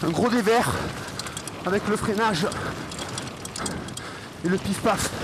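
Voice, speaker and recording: A man's voice: sits high, slow pace. A man describing a downhill course section by section in terse, clipped phrases. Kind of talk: course commentary. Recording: noisy outdoor sound.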